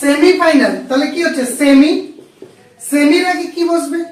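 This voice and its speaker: A man's voice: very high voice, steady tone, moderate pace. A man teaching an English grammar lesson to a class, asking the same questions again and again, spelling out words letter by letter and waiting for the students to answer. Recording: echoey classroom, voice from far off.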